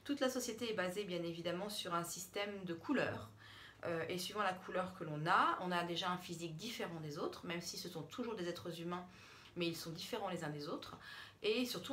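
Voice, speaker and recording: A woman's voice: lowish voice, brisk, fairly bright tone, a little hiss or hum. Chatty woman hesitantly reviewing books. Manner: chatty, hesitant, many fillers and restarts. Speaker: book vlogger. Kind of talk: casual book review to camera. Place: at home by a bookshelf. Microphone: camera in front, she steps back from it.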